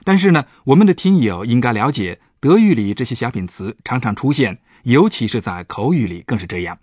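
A man's voice: mid-range voice, lively intonation, fairly quick, a little mellow, breathy edge, dry recording. A man, a professor, patiently explaining German grammar in a radio language lesson.

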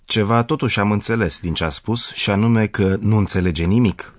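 Man, language professor, low voice, dry close sound, calm radio grammar explanations. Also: no room sound.

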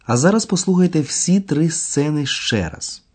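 A man narrating a scripted radio language lesson, explaining scenes clearly. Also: fairly high pitch, expressive, normal speed. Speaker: course narrator.

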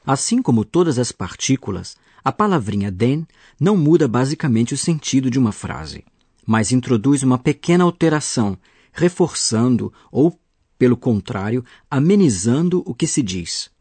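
A man's voice: mid-range voice, sing-song, normal speed, a little mellow, husky, dry recording. A man acting as a teacher, patiently explaining grammar in a scripted radio lesson. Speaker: language teacher.

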